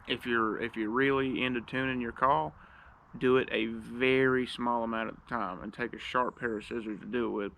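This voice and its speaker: A man's voice: mid-range voice, gravelly, bright, forceful tone. A man giving a casual, plain-spoken how-to tutorial, showing each step and repeating the key points. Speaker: duck call instructor.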